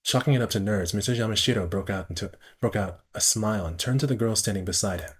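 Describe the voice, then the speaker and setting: A man with a lowish, slightly rough voice reads a visual novel aloud on a stream at a quick pace. It's amateur narration with casual commentary, and he sometimes stumbles over words and rereads phrases.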